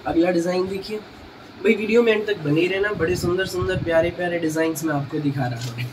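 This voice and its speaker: Eager high-pitched salesman, distant mic. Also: fast. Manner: eager, repetitive teleshopping-style patter, addressing viewers as brother. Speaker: shop seller presenting products on own video channel. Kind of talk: sales pitch, product showcase. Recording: noisy, distant microphone.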